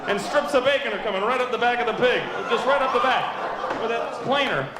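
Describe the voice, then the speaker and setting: A man's voice: very high-pitched, a little fast. A man performing a stand-up routine in a comedy club, telling absurd stories with bursts of silly voices. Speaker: stand-up comic. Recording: echoey club with noisy background.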